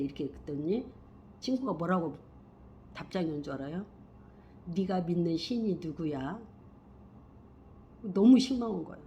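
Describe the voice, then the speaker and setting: A middle-aged woman telling a personal spiritual story in a rambling, emphatic way, swinging from hushed to loud. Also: lowish voice, slight background noise. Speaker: spiritual vlogger.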